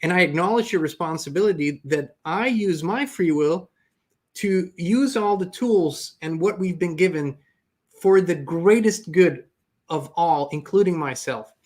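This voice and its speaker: A man's voice: on the high side, measured pace, a little mellow. A man hosting an earnest, reflective spiritual motivational talk. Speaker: host.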